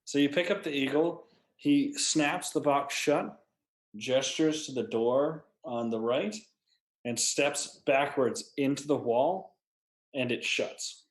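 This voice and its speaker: Speaking at a medium pitch, a man acts as game master for a tabletop game, describing scenes in a measured way and slowing down when detail matters.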